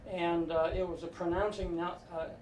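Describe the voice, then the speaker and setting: A man's voice: on the high side, little pitch movement, moderate pace. An older man teaching a class, explaining pronunciation step by step and often checking with "right?". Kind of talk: classroom lecture. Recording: echoey room, mic far off, faint noise.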